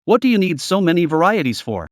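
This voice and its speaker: An actor playing a generous veteran nursery owner who speaks in a lively, skeptical way in a dubbed drama. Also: male voice, sits high, fast talker, no echo, clean studio sound. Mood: hearty.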